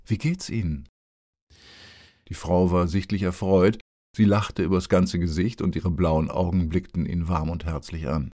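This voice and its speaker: A man narrating an audiobook in a calm, even storytelling manner. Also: deep voice, moderate pace.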